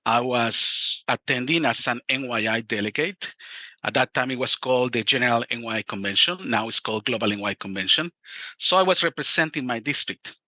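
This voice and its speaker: This middle-aged youth ministry director from Mexico talks fairly quickly in a mid-range voice with a bright, forceful tone and a Mexican Spanish accent, with no room sound. Giving his personal testimony in an interview, he is earnest and reflective and often restarts sentences.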